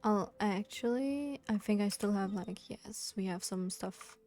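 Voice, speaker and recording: A woman live streaming a video game, chatting casually with viewers in a quiet voice kept down at home, sounding a little sleepy. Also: mid-range voice, a little slow. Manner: quiet, keeping voice down for a sleeping roommate. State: sleepy, yawning. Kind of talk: relaxed casual chat with viewers. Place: indoors at home. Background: game music.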